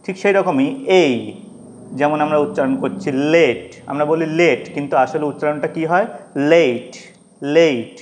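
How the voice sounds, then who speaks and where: A man teaching English pronunciation in Bengali, who asks questions and then answers them himself, and says example words slowly to show the sounds. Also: a little high, slight background noise. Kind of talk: explaining pronunciation.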